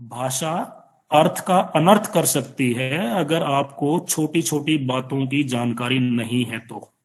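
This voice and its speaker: A man teaching an online class with an Indian accent, explaining slowly and patiently with repeated examples. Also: medium pitch. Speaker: college teacher. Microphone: online class, computer or phone mic.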